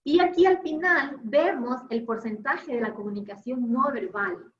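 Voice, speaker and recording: A quick, animated woman leads an online training class, tossing questions to her listeners. Her voice sits fairly high. The audio comes through a video call, roomy and a bit muffled, with faint noise behind it. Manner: fast-talking, lively, rhetorical questions.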